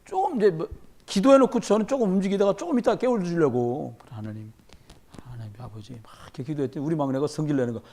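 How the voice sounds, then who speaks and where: Pastor guy preaching, high voice, swings up and down a lot, punchy and jokey. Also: very fast. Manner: animated, emphatic, storytelling with humor. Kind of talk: sermon. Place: church sanctuary during a midweek service.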